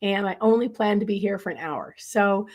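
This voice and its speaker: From a room in her home, a middle-aged woman hoarse with a chest cold leads a nature sketching lesson over live stream. She speaks at medium pitch and a moderate pace, a little mellow, rambling with plenty of ums and uhs.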